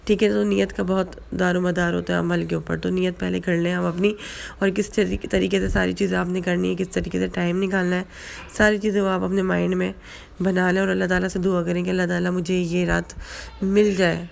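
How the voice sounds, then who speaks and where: A woman talks to her viewers in a casual religious advice vlog, her voice hoarse from a flu and sore throat. Her tone is gravelly and stays fairly level in pitch. She chats loosely, circling back with repeated fillers. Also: flat delivery, slight background noise. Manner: chatty, repeats fillers, mixes in English words. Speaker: vlogger.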